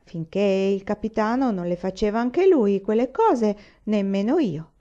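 A woman reading aloud voices a drunk young male army lieutenant who talks loudly and boastfully. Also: medium pitch, animated, a little slow, natural voice. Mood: drunken, blustering. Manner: loud, boastful, sobbing and angry by turns. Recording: slightly dull, lo-fi recording.

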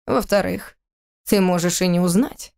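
Her voice fairly low, creaky and dark yet clean in tone, a woman reads a little slowly as she voices an audiobook character. The role is a cold, furious adult husband, delivered in a harsh, clipped, contemptuous way.

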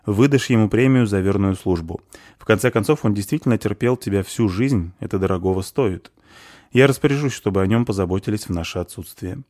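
A powerful nobleman, calm and unsentimental, with a dry, matter-of-fact manner, as a man reads him. The tone is warm and low in a dry space. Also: fairly quick, no echo, close to an everyday voice.

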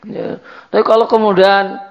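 A man's voice: high-pitched, flat delivery, normal speed. A man giving a religious study lecture in a chatty, repetitive way. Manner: conversational, repetitive, drops in Javanese words. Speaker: Islamic teacher. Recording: dull lo-fi lecture recording.

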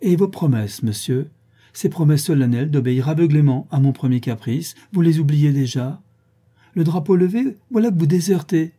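A man's voice: medium pitch, normal speed, dark tone, husky, voice pushed up, lightly acted. A man reading an audiobook, voicing a witty, playful aristocratic lady who hands down mock-solemn judgments.

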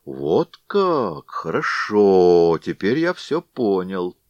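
Brief: sly grumbling cossack, as a male reader puts him on, lively aggrieved muttering, storybook audio. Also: low-pitched, very slow, no echo, muffled recording, exaggerated voice. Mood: puzzled muttering.

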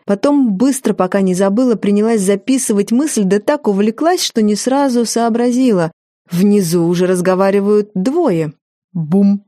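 A woman narrating a first-person audiobook in a wry, lively storytelling manner. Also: mid-range voice, no echo, clean studio sound.

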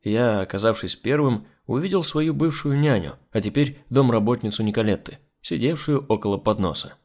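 A man's voice: medium pitch, normal speed. A man reading a first-person audiobook as narrator. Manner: lively first-person storytelling. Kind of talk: scripted narration.

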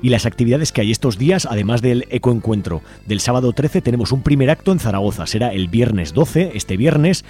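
This community radio host, a man with an accent from Spain, speaks in a medium-pitched, animated voice at a fairly quick pace over music. He gives informal announcements, addressing listeners directly in a friendly, conversational tone that draws them in.

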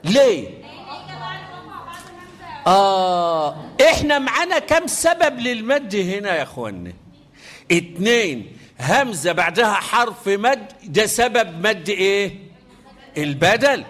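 High-voiced Egyptian recitation teacher. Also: male voice, sing-song, unhurried, long pauses, a bit bright. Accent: Egyptian Arabic. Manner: quizzes the class with repeated questions, chants verses melodically. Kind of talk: classroom lesson on Quranic recitation rules.

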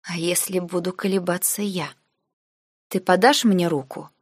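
A woman's voice: on the low side, fairly even intonation, a little slow, breathy edge, no echo, clean studio sound. A woman reading a distraught young heroine. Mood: upset, shouting. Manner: pleading, then shouting in anger. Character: angry, hurt young noblewoman heroine.

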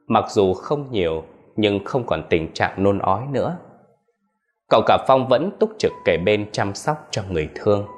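A man narrating a horror story in an expressive storytelling manner, with soft music underneath. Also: fairly low pitch.

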